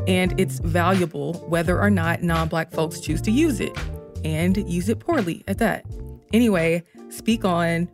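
A woman narrating scripted podcast notes and credits as the show's producer. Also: fairly low pitch. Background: music under the voice.

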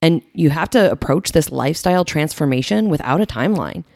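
Hoarse, raspy low-voiced woman podcasting. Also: lively intonation, fairly quick, darkish tone, dry recording, studio quality. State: hoarse, voice nearly gone. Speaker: podcast host. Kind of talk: casual podcast talk.

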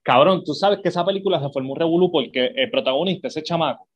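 A man's voice: a little high, fast talker, dull audio. A man co-hosting a podcast, telling stories with lots of swearing. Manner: profane, animated storytelling. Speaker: podcast co-host. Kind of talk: casual chat.

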